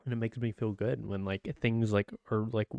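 A young man from the United States, a streamer, rambling in casual chat to viewers, flat and monotone with many fillers and restarts, close to a desk microphone. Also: on the low side, normal speed, creaky, no room sound, muffled recording. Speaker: streamer and channel owner.

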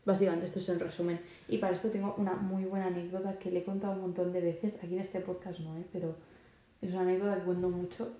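A woman's voice: on the low side, warm tone. A young woman from Spain with a Spanish accent, hosting her podcast and chatting loosely, with lots of fillers, as she gives advice. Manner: chatty, lots of fillers, acts out quoted lines. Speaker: podcast host. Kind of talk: casual advice monologue. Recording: echoey room.

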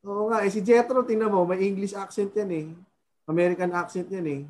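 A man's voice: sits high, fairly even intonation, fairly quick, darkish tone, a little hiss or hum. A man co-hosting a podcast, teasing and playful in casual chat. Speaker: podcast co-host.

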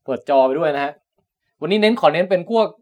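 A man's voice: sits high, fast talker, a little mellow. A man hosting a casual science podcast, explaining at length and laughing often. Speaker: podcast host, biologist.

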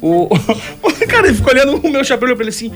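A man with a southern Brazilian accent bantering and telling animated anecdotes on a radio panel, acting out the dialogue. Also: very high voice, racing. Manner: acts out quoted dialogue. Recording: music playing behind the voice. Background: background music.

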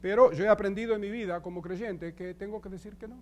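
A man's voice: sits high, fast. A man preaching as pastor, emphatic and addressing the congregation with questions. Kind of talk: sermon.

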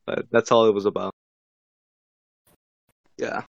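A man's voice: on the low side, little pitch movement, takes it slowly, gravelly, dry recording. A man co-hosting a podcast who tells long, rambling stories in casual chat, peppering them with "like" and "bro.". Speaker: podcast co-host. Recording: dry, dull lo-fi sound.

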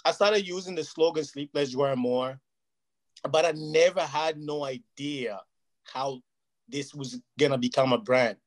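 A man with a voice on the high side speaks a little slowly. Originally a Portuguese speaker, he's a guest in a laid-back interview, talking earnestly and at length and repeatedly checking "you know what I mean".

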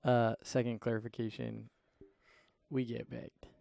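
A man's voice: mid-range voice, level tone, unhurried, vocal fry, warm tone, no room sound, clean studio sound. A man co-hosting a podcast, asking questions and teasing his friends playfully. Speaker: podcast co-host. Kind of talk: casual chat.

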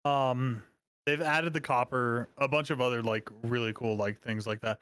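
A man's voice: mid-range voice, normal speed, clean tone. A man co-hosting a podcast, joking and rambling in casual chat. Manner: animated, jokey, rambling with fillers. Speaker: podcast co-host.

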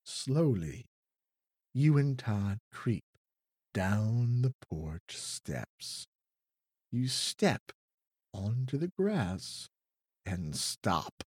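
A man reading a children's horror gamebook aloud in a dramatic, drawn-out storytelling manner. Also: on the low side, very animated, darkish tone, husky, dry recording, studio quality. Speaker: reader.

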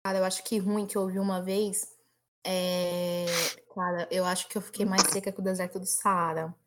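A young woman, blunt and expressive in a casual chat with friends. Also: fairly low pitch, normal speed, noisy background.

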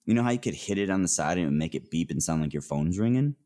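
A young man with a low voice spins a long story in casual talk. He keeps acting out what people said and swears freely as he goes. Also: very fast. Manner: animated, swears a lot, acts out quotes. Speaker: podcast guest.

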